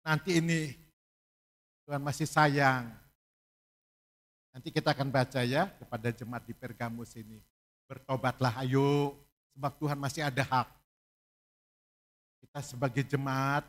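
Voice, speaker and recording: A male pastor preaching a sermon in a church, moving from hushed pleading to loud shouted exhortation. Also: medium pitch, fairly even intonation, moderate pace. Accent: Indonesian. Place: church hall.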